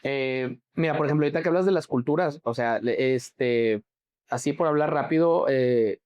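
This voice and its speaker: A man's voice: medium pitch, normal speed, a little mellow. A man with a Mexican accent, a grief therapist, explaining as an interview guest and often checking that he is understood. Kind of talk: interview answers.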